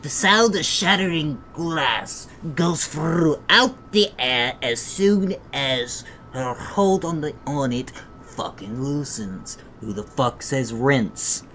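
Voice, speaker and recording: A male gaming streamer reads through a visual novel slowly, his tone bright and forceful. He stumbles on words and adds exasperated, profane asides, with rumbly noise in the background.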